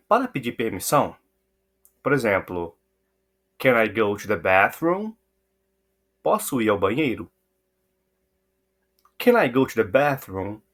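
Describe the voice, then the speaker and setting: Man, English teacher, slow deliberate delivery, repeats phrases, crisp tone. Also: mid-range voice, fairly bright tone. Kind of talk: bilingual English lesson for Portuguese speakers.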